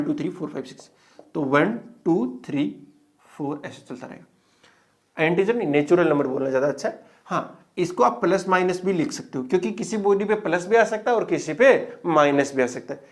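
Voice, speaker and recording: Guy a high voice teaching physics, keeps asking himself questions and answering. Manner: asks questions and answers them himself, repeats key terms. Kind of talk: classroom physics lesson.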